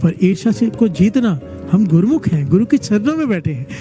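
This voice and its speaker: Here a preacher with a high, sing-song voice delivers a fairly quick devotional sermon over background music. He mixes storytelling with calls for the congregation to chant back in response.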